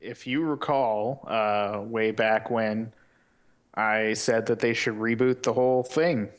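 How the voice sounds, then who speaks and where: A man's voice: lowish voice, takes it slowly. Eager man talking games on a podcast. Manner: enthusiastic, animated opinions with frequent fillers. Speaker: podcast co-host. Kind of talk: casual podcast chat.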